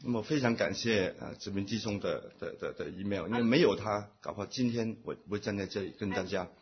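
A man giving a personal testimony at a church meeting, speaking in short phrases and pausing for an interpreter. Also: fairly low pitch, a little hiss or hum. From Taiwan. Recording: muffled lo-fi recording.

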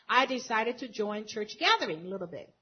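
High-pitched woman interpreting a church testimony, fixes her words as she goes, dull muffled audio. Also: sing-song, breathy edge. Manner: quick, with frequent self-corrections. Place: church meeting. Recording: muffled lo-fi recording.

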